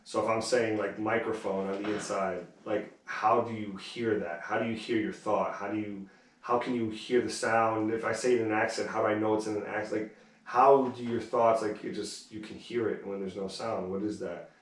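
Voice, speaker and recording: A man's voice: fairly low pitch, fairly even intonation, normal speed. A man co-hosting a podcast in casual chat, rambling with lots of filler words and free swearing. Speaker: podcast co-host. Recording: roomy echo, distant from mic.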